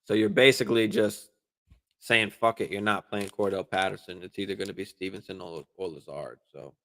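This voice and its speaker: A man hosting a live fantasy football stream, answering viewer questions in a relaxed, casual way, swearing freely and using lots of fillers and restarts. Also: sits low, a little fast. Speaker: fantasy football show host.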